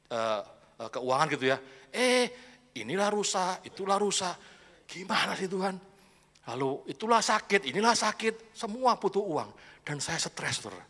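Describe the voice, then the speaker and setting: A man's voice: on the high side, sharp tone. A man preaching a sermon, chatty and confiding, laughing often between points. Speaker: pastor. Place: church hall. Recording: echoey church hall.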